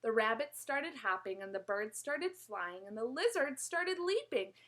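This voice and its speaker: Expressive woman reading a storybook aloud, fairly high, lively pitch, small slips. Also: a little slow, rough recording. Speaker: reader. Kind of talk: reading a children's novel aloud.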